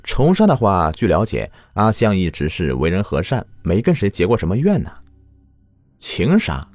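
A man's voice: fairly low pitch, a little mellow, dry recording. A man narrating true crime from a script as a host, in a dramatic storytelling manner. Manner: dramatic storyteller with rhetorical questions.

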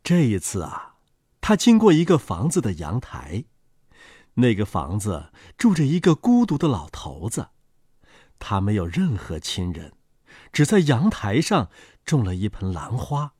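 A storyteller reading a fairy tale aloud to children in a gentle, expressive way. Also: medium pitch, a little slow, breathy edge, dry recording, clean studio sound.

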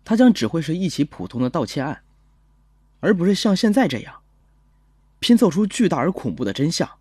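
Cast a calm young policeman narrating an audio drama, with a lively but husky voice and faint music behind. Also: on the high side, dry recording. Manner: measured, gentle storytelling. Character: young male police officer, calm and gentle. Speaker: first-person narrator.

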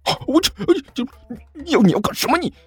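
A man's voice: very high voice, very animated, fast talker, slightly rough, no room sound, pitched above the performer's own voice, full character voice. A man voicing a middle-aged male landlord who is chatty, persuasive and nervously stammering. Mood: wheedling, wary.

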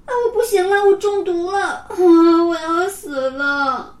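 A woman's voice: high voice, very animated, moderate pace, distant mic. A woman voicing a greedy, proud schoolboy who boasts and wails dramatically in a children's story. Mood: wailing. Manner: boastful, loud complaining whines. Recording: roomy, from off the mic.

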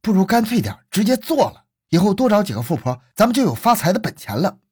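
A man's voice: sits high, sing-song, moderate pace, mellow, breathy edge, voice pushed up, full character voice. A man voicing a vicious, scheming younger brother in a spoken crime story, speaking in a raised, menacing voice. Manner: snarling, menacing.

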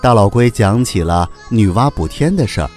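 A man narrating a children's story in a very animated, deliberate way. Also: fairly low pitch, soft background music.

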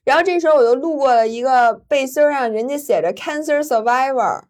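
A woman podcast host, telling a story in lively casual chat and laughing often. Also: sits high, brisk.

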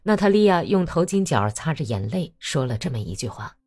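Woman reading a novel aloud, calm steady storytelling, lively pitch, bit of music behind. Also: a little fast. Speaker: audiobook narrator. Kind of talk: scripted narration of a novel.

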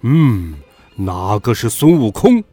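A man voicing an arrogant, scornful male demon king with a gruff, sneering delivery in a storybook reading. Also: medium pitch, big pitch swings, takes it slowly, warm tone, dry recording, soft background music, pitched below the performer's own voice, exaggerated voice.

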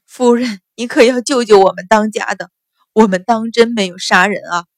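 A woman's voice: on the high side, moderate pace, dry recording, studio quality, lightly acted. A woman voicing old servant women who plead tearfully with their mistress.

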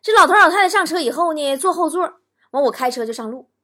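A woman's voice: high voice, animated, quick pace, a bit bright. A woman talk show host reading listener jokes aloud in a comic way, laughing between the bits. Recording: noisy recording.

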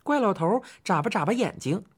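Lively audiobook storyteller. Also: mid-range voice, normal speed, husky. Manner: plain storytelling. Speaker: audiobook narrator. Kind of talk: children's story narration.

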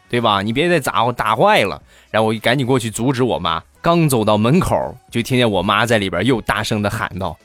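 A man's voice: mid-range voice, a bit bright, dry recording. A man telling funny childhood stories in a playful, teasing comic monologue. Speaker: comedian storyteller.

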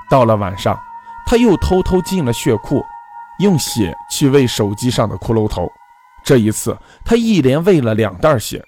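A man's voice: medium pitch, darkish tone. A man narrating a folk ghost story in a dramatic, scripted way. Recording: faint background music.

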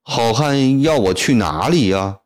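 A man's voice: medium pitch, lively intonation, unhurried, natural voice. A man voicing a terrified middle-aged male clerk who begs for mercy in a tearful voice. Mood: pleading. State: tearful, pleading.

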